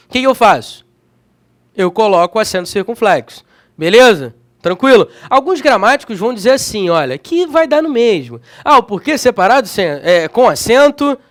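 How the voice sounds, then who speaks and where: A man leads a grammar lesson for exam prep in a strikingly high voice. His pitch rises and falls all the time as he talks, keeping the delivery energetic. He keeps checking in with his students as he goes. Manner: energetic, checks in often with slangy tags. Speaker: grammar teacher.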